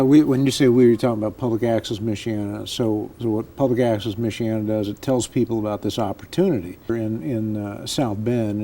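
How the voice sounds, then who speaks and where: Mellow, hesitant American man hosting a discussion. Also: lowish voice, a little hiss or hum. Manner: hesitant, searching for words. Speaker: public access show host. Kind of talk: casual panel talk.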